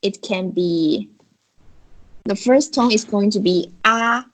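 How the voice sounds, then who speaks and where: Brief: female language teacher, breathy, unhurried, patient and coaxing, on a video call. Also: medium pitch, a little mellow, poor audio. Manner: patient, coaxing, guides with questions. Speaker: Chinese teacher. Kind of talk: online language lesson.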